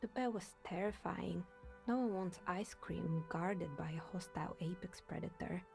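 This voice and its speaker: A woman voicing a chatty older woman in a video game, telling local stories in a dry, wry, breathy way. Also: fairly low pitch, fairly even intonation, moderate pace, music in the background. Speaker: game character. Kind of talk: voiced video game dialogue.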